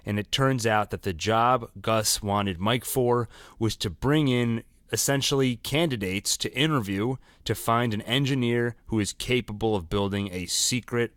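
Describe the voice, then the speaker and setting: A man with a lowish voice hosts a podcast, talking through a show's plot in an easy, conversational way. He explains at length. The sound is dry and close to the mic. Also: unhurried, hardly any pauses, a bit bright, dry recording. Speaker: podcast co-host. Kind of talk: casual recap chat.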